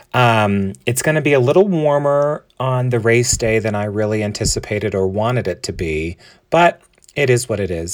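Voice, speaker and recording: A man in his forties hosting a podcast, chatting in a bubbly, campy way with playful pet names from his makeup table. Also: medium pitch. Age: 40s. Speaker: podcast host. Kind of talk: casual monologue.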